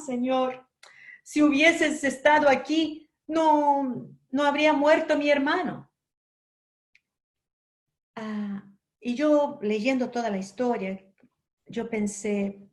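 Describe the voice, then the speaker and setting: A woman from Brazil giving a spiritual lecture, telling a personal story in a gentle, unhurried way with soft asides. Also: medium pitch.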